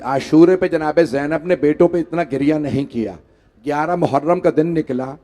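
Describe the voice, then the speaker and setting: High-voiced man wailing a sermon. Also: mellow. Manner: pleading, rising to wailing lament. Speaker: majlis orator. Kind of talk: mournful sermon recitation. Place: mosque hall.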